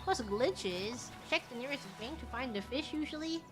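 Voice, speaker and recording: A woman's voice: sits high, expressive, normal speed, music in the background. A woman game streamer giving casual, playful gameplay commentary with theatrical reactions.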